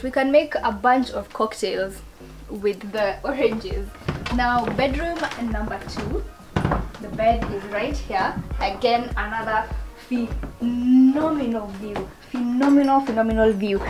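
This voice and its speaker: A young woman, hosting a casual travel vlog and touring a treehouse rental, chatty and bubbly, laughing often. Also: fairly high pitch. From Kenya. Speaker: vlogger, channel host. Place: treehouse holiday rental, partly outdoors.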